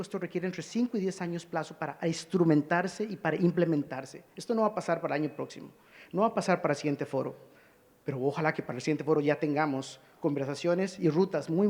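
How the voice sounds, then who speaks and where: A Costa Rican man with a voice on the high side and a slightly mellow tone delivers an earnest, urging conference talk. He cues each slide, and the hall carries a long reverb.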